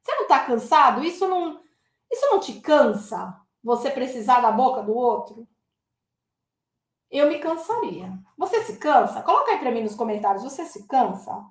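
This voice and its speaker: A woman giving a casual, lively English lesson and talking straight to her viewers. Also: high voice, normal speed, echoey room. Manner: lively, addresses viewers as "gente". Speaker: English teacher.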